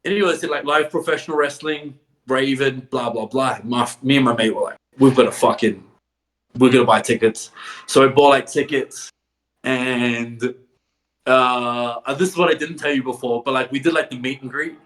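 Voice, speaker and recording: Casting: man, mid-pitched, a chatty wrestler telling stories, laughing and swearing. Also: steady tone, moderate pace, a bit bright. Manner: swears a lot, laughs often, filler-heavy "like". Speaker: professional wrestler, podcast guest. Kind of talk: casual storytelling.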